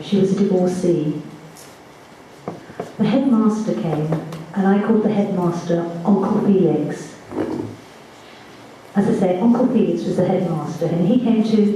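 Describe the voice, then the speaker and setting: Woman's mellow voice in an echoey hall. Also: fairly low pitch, far from the mic, a little hiss or hum. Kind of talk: spoken first-person testimony at a reunion. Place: large assembly hall.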